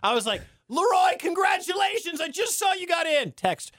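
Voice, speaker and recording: A man's voice: very high voice, very animated, moderate pace, bright, forceful tone, no echo, shouting, clean studio sound. A man hosting a sports radio show, telling stories in a chatty, casual way and laughing often. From Detroit, grew up in Wisconsin. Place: radio studio.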